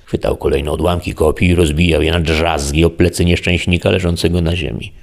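A man narrating a classic novel as an audiobook in a measured storytelling manner. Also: low-pitched, fairly even intonation, vocal fry, very noisy.

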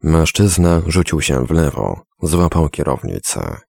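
Male audiobook narrator, extremely low bass with gravel, expressive rise and fall, dry close sound. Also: dry recording. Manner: measured, dramatic storytelling. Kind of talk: scripted narration.

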